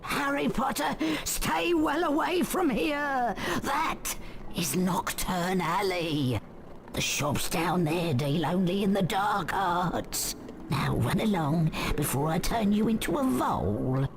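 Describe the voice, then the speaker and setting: A menacing video game witch, drawls out her threats very slowly and theatrically. The recording has clear noise over it. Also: medium pitch, lively intonation. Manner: slow, drawn-out, theatrical menace. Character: menacing witch warning children off dark alley.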